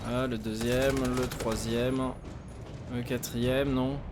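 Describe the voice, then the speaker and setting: A man's voice: medium pitch, level tone, takes it slowly, noisy background. A man giving live, rambling commentary while he plays a video game, with lots of fillers and pained cries when he gets hit. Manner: rambling and casual, with many fillers and pained exclamations. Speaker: streamer. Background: game music.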